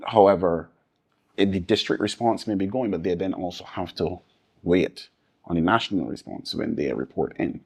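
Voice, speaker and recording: A man from Barbados with a Barbadian accent, answering interview questions earnestly in measured, repetitive lists of points. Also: deep voice, darkish tone, slightly rough. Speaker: interview guest, disaster resilience advocate.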